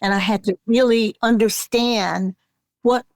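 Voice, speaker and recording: An older woman in her eighties speaks as an interview guest, very slowly and deliberately. Her talk is earnest, with small restarts as she gathers her words. The recording is dry, with no room sound. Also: fairly high pitch, steady tone, creaky, no room sound. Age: 80s.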